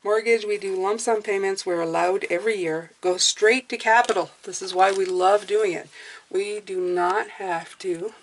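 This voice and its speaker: A woman's voice: medium pitch, steady tone, moderate pace. A woman with a whistling s, talking casually through her budget as a hands-on vlogger. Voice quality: whistling s from clear aligners.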